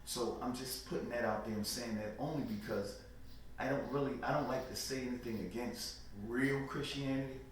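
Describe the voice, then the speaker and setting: Fairly even intonation and normal speed characterize this man's mid-range voice. As an interview guest, he offers emphatic, preachy religious answers, often checking "you know what I mean." It's recorded in an echoey room, mic distant, with light noise.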